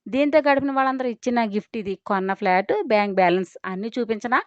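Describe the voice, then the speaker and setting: A sharp-tongued young man taunts and accuses with cutting mockery, put on by a woman reading a storybook. He sits a little higher than the narration. The sound is dry and muffled. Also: quick pace, no room sound, lightly acted. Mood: accusing. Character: sneering, mocking young man confronting a father. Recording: dry, dull lo-fi recording.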